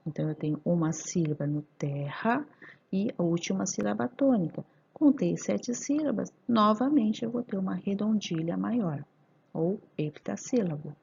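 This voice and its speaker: A woman teaches a recorded literature lesson. Her voice is mellow and gravelly with a slight rasp, and she slows down to sound out lines of verse syllable by syllable. The audio is dull and lo-fi. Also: medium pitch.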